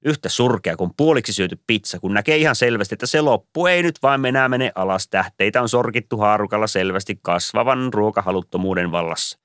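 A man's voice: lowish voice, expressive, few pauses, a bit bright, clean tone, dry recording, studio quality. A man voicing a long-winded, pompous old male Santa Claus in an audiobook reading, rambling on like a lecturer. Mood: lecturing.

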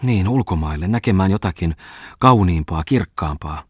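A troubled, sensitive young woman speaks in a soft, hesitant, pleading way, as a man reads her lines aloud. The voice is husky and low. The sound is dry and close, as in a storybook reading. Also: animated, no room sound. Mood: longing.

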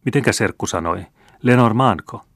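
A man putting on an inquisitive, strict old grandmother who presses with sharp questions. Her voice is lifted above a deep male reading voice, firm and a little louder. The recording is close and dry. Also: no echo. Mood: curious. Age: older. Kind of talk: audiobook character reading.

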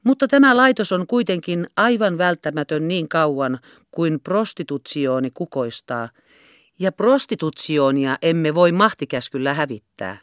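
A composed lady in a spoken storybook, soft and careful in her replies, as a woman reads her. The tone stays smooth and close in a dry setting. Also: low voice, expressive, no room sound. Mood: calm. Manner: gentle, careful, measured. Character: composed, thoughtful Russian society woman.

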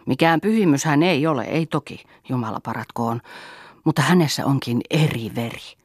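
A man's voice: mid-range voice, breathy edge, no room sound, clean studio sound, close to an everyday voice. A man voicing an older male veteran reveler who gives a solemn, sentimental toast.

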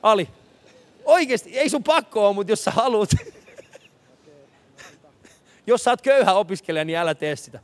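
A high-pitched male radio host, energetic and often laughing. He roams a busy city street with a handheld mic, calling out names to strangers for a live charity show. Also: long pauses. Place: city street outdoors, passing traffic.

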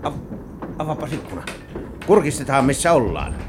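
An actor playing a gruff, grumbling adventurer who swears mild oaths, in a 1950s radio drama. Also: male voice, medium pitch, sing-song, natural voice. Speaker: adventurer hero in a radio serial. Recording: hissy old radio broadcast.

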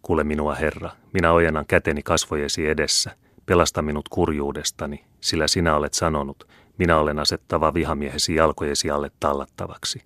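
A man's voice: very deep voice, level tone, fairly bright tone, no room sound, clean studio sound. A man reading the part of an aging, proud and irritable imprisoned scholar with grandiose outbursts. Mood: pleading. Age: older.

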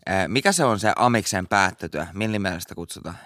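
A man co-hosting a podcast who tells his side of things hesitantly, with plenty of fillers. His voice sits very low, and the sound is dry and close. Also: a bit bright, dry recording. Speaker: podcast co-host. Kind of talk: casual podcast chat.

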